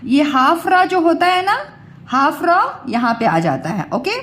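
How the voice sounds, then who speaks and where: A woman's voice: sits high, sing-song, a bit bright, slight background noise. A woman teaching Hindi spelling, patiently explaining and repeating words as she questions her pupils. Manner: slow, repeats words and asks the class questions. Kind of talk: patient classroom explanation to children. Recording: echoey room.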